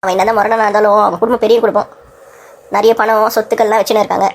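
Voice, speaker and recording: A woman's voice: mid-range voice, flat delivery, racing, creaky, slight background noise, close to an everyday voice. A woman voicing a stubborn scolding father. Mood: scornful. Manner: blunt, scornful. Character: stubborn scolding village father, older man. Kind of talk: cartoon story dialogue.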